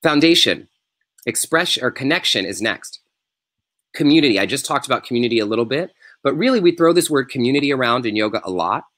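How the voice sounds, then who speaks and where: A man coaching yoga teachers on a live webinar, talking the way he would with friends. His delivery is emphatic and conversational, and he repeats his main points for weight. His voice sits at an ordinary middle pitch. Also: animated, quick pace, a bit bright. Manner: casual and unpolished by choice.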